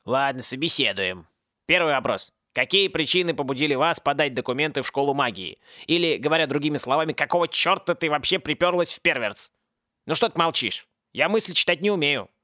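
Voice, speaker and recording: A cackling, sarcastic ancient sorting hat that bullies nervous students, as a man reading an audiobook puts it on. The voice sits a little high and mocks everyone. The recording is close and dry. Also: lively intonation, brisk, pushed and bright, dry recording. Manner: cackling, mocking, bossy.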